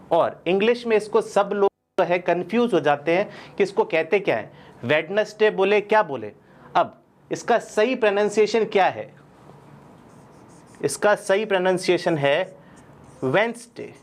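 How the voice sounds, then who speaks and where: Slow, deliberate male English teacher. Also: high voice. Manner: asks the class questions and answers them himself; slow, deliberate, repeats each word. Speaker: coaching-class English teacher. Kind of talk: online pronunciation lesson.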